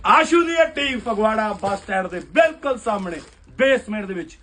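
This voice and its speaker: A man pitches clothes at the top of his lungs, his voice sitting extremely high for a man. He runs a basement clothing shop and hawks prices rapid-fire, as a loud live sales call. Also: animated. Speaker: shopkeeper selling suits.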